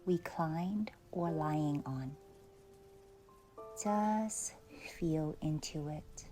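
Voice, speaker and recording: Leading a guided meditation over faint music, a woman speaks in a low register. She stays soft and unhurried, pausing at length and frequently drifting into a breathy fade.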